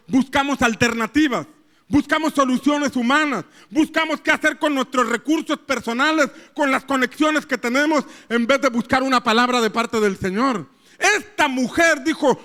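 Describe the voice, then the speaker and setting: High bright-voiced male pastor preaching. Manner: repetitive, rising rhetorical questions, acting out quoted voices. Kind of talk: sermon.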